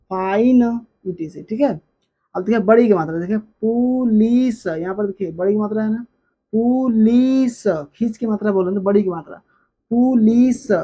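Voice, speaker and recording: A woman teaching a phonics lesson, repeating example words slowly with stretched emphasis. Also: medium pitch, dark tone, husky, lo-fi sound.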